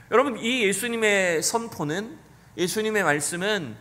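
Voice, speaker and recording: Recorded in a church sanctuary with long hall reverb, this male pastor's voice sits high and sounds bright and forceful. He preaches earnestly, putting rhetorical questions to the congregation.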